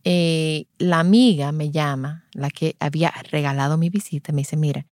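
A lactation consultant sharing a story from a home visit, animated and acting out the people in it, reassuring as she gives advice. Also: sits low, normal speed, no room sound, studio quality. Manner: animated, acts out each voice in the anecdote. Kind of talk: personal storytelling.

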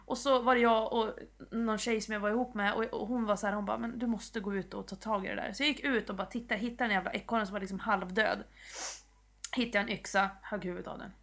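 A young woman co-hosting a casual podcast, telling stories with lots of energy and acting out scenes in silly voices. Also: mid-range voice. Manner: lively storyteller, acts out scenes in funny voices. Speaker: podcast co-host. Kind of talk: casual chat.

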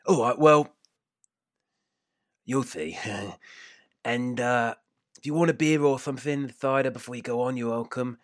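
A man's voice: mid-range voice, steady tone, unhurried, pauses often, dry recording, studio quality, voice pushed up, natural voice. A man voicing a battered old retired male pit-fight boss with a lisp and easygoing, breezy patter.

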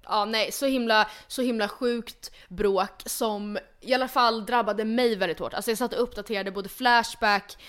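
A woman's voice: on the high side, steady tone, few pauses, fairly bright tone. A woman hosting a casual chat podcast, talking in a chatty way with frequent fillers and restarts. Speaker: podcast host.

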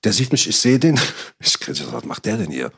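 A man's voice: on the low side, brisk, slightly rough. A man chatting casually, telling a story in slangy speech and acting out what others said. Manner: slangy and animated, swears he is not lying, acts out others' lines. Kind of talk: casual chat, telling an anecdote.

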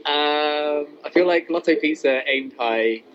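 A man co-hosts a relaxed chat podcast, talking in rambling, playful bursts full of ums. The recording is dull and lo-fi. A clear noise hums behind him. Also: a little high, unhurried. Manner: rambling, hesitant, playful with fillers. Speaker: podcast co-host. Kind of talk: casual chat.

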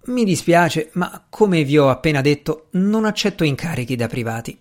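A man reading aloud voices a reserved gentleman magician, curt and measured in his speech. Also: a little high, expressive, lightly acted. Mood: firm. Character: brusque reserved gentleman magician, cool and dry.

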